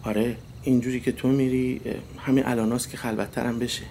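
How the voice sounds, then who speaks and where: A man voicing a sharp-tongued wife who needles and mocks her husband in a dry tone. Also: flat delivery, a little hiss or hum, natural voice. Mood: mocking. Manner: dry, mocking, turns shrill and scolding.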